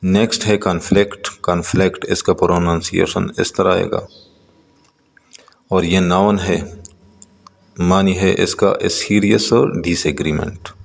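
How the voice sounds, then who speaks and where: A man teaching a textbook lesson, reading English lines slowly and then explaining them, with frequent hesitant pauses. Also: low-pitched, fairly even intonation, gravelly, long reverb tail.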